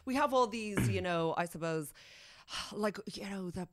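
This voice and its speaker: A woman co-hosting a podcast, chatty and questioning, who pauses often with fillers. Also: medium pitch, lively intonation. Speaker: podcast co-host. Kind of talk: casual chat.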